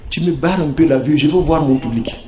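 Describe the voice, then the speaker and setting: A man preaching a sermon to a gathering, pausing for the audience's responses and asking rhetorical questions. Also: on the high side, dark tone, a little hiss or hum. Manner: measured, rhetorical questions to the crowd. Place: large gathering at a religious ceremony. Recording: echoey hall with crowd. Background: crowd.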